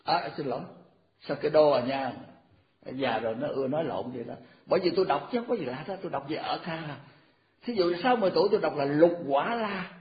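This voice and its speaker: A man's voice: a little high, animated, quick pace. A man in his eighties, a Buddhist monk, giving an informal, folksy dharma talk and rattling off memorized verse formulas. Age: 80s. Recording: echoey, muffled recording.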